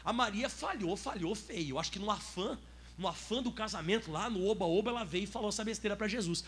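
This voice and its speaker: A man with a Brazilian Portuguese accent preaching a sermon as pastor, lively and asking the audience questions. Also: high-pitched, a little fast, a little hiss or hum.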